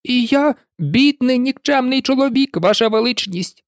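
A woman's voice: sits high, moderate pace, no room sound, studio quality, pitched above the performer's own voice. A woman voicing a timid male hatter who pleads in a trembling voice in a storybook reading. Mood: nervous pleading. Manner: nervous, pleading.

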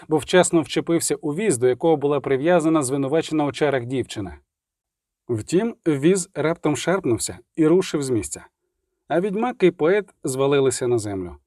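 A man reading an audiobook in steady, expressive scripted narration. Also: a little high, dry recording, clean studio sound.

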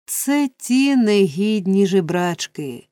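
A woman's voice: mid-range voice, sing-song, takes it slowly, mellow, clear, resonant tone, no echo, studio quality. A woman voicing a pompous, flustered middle-aged male parish beadle who stammers and fusses. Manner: fussy, stammering.

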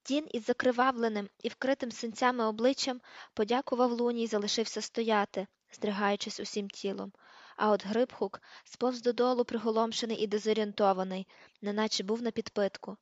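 Woman audiobook narrator, steady reading, slightly high voice. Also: brisk, dry recording. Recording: dull lo-fi recording.

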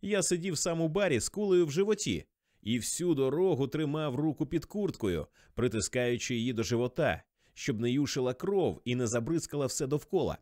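A man's voice: mid-range voice, lively intonation, a little fast, darkish tone, no room sound, studio quality. A man reading a first-person novel aloud, in a rambling, slangy confessional voice that plays up drunkenness. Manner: slangy, rambling, tipsy-sounding. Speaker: audiobook narrator. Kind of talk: first-person literary narration.

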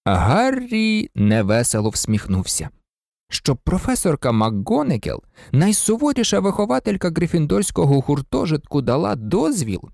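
An audiobook narrator reading a story aloud in an expressive, lively storytelling manner. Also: mid-range voice, moderate pace, gravelly, no echo, studio quality.

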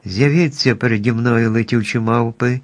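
A man voicing a brave, polite young girl who speaks with eager excitement in a storybook reading. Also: mid-range voice, a little slow, natural voice.

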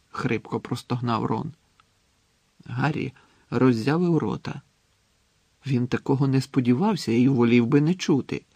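Guy narrating a story in an even, measured way, husky voice, very dry close mic. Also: mid-range voice, no room sound. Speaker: audiobook narrator.

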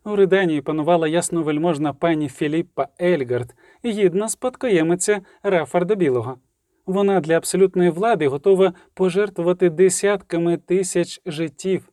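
A man voicing a calm, authoritative elder sorceress who speaks in measured, cutting sentences. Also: high-pitched, no room sound, studio quality, natural voice. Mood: cool, commanding.

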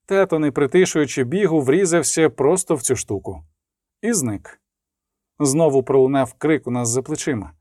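A man reading an audiobook as narrator, with lively dramatic emphasis and the dialogue lines voiced. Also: on the high side, moderate pace, no room sound, clean studio sound. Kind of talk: scripted narration.

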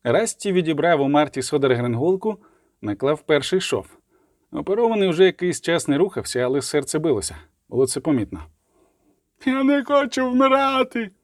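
A man narrating a storybook with a measured, dramatic reading. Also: fairly high pitch, animated, darkish tone, no room sound, clean studio sound. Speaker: audiobook narrator. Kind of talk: scripted audiobook narration.

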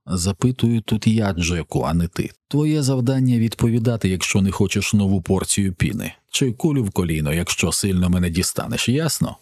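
A man voicing a calm, menacing armed man who gives curt, quiet, flat threats. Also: fairly low pitch, fairly quick, no room sound, studio quality.

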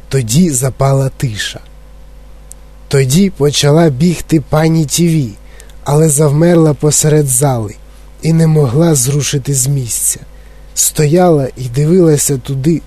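A man narrating a children's book chapter with steady storytelling delivery. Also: fairly high pitch, unhurried, slightly rough. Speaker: audiobook narrator. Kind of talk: scripted narration.

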